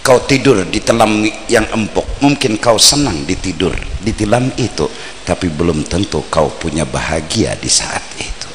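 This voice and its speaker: Banjar preacher on old worn tape. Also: male voice, moderate pace, big-room sound, a little hiss or hum. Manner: lively, swings between playful shouts and low earnest asides. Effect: old worn tape recording. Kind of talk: mosque sermon.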